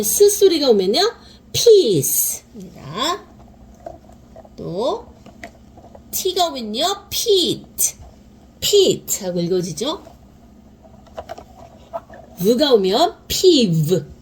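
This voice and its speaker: A woman teaching beginner English phonics, sounding out each word slowly and repeating it. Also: fairly high pitch, slight background noise. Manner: drawn-out repeated sounding of words. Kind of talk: slow explanatory teaching.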